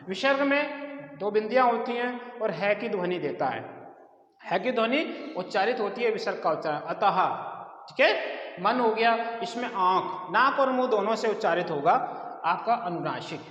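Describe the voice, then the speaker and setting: A man's voice: high voice, very animated, moderate pace, fairly bright tone. Man teaching a lesson in an echoey hall. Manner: explains patiently, repeats terms, says "देखिए" often. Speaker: Hindi grammar teacher. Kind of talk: classroom lesson. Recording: echoey hall, dull lo-fi sound.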